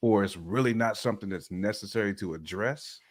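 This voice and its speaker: Talking fairly quickly in a lowish voice with a breathy edge, a Southern American man co-hosts a casual conversation. He explains where he stands in an easygoing, conversational way, dropping in "you know what I'm saying" as he goes.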